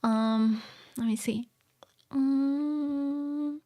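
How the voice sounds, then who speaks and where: This Japanese woman teaches her native language in English while reading manga on a casual livestream. Her voice is high, steady and warm, with drawn-out words, and she stays chatty and encouraging, peppering her talk with "you know" and "um."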